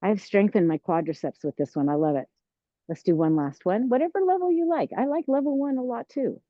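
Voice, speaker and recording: A woman teaching a tai chi class, giving serene, encouraging, unhurried movement cues. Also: fairly low pitch, lively intonation. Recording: roomy, dull lo-fi sound.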